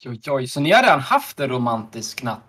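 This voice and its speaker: Man, casual recap chat, relaxed, frequent laughs, hesitant fillers. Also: medium pitch, husky. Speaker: podcast co-host.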